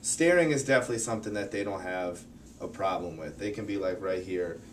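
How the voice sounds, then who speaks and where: Young man telling lively stories, distant mic. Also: low voice, fairly quick, a little hiss or hum. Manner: animated, acts out quoted voices. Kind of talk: casual storytelling.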